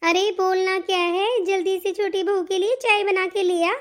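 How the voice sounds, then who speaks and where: A bossy older mother-in-law from a cartoon family story, voiced by a woman. She nags and orders everyone about in a sharp, commanding way. The voice sits very high. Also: flat delivery, normal speed. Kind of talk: animated family story voice acting.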